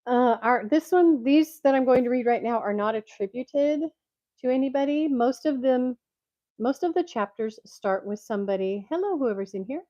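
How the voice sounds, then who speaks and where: An older woman talks in a relaxed, rambling way and laughs easily, her voice mellow and a little congested. The sound is dull and tinny, like speaking through a tin can, and very dry. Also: sits high, normal speed, no echo. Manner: chatty, rambling, laughs often. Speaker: vlogger reading jokes. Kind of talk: casual chat. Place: at home. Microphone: microphone clipped to her glasses.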